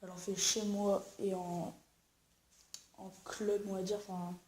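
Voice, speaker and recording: A woman's voice: medium pitch, level tone, measured pace, darkish tone, a little hiss or hum. A young woman filming a casual home-tour vlog, rambling with many fillers and restarts while she is sick. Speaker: YouTuber. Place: at home indoors.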